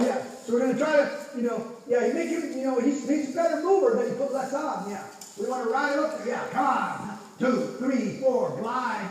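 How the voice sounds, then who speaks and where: A man coaching a horse riding lesson, calling out short encouraging instructions and counts, recorded from a distance in a large indoor arena. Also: extremely high pitch. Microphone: distant camera at the arena edge. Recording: echoey hall from far off, faint noise.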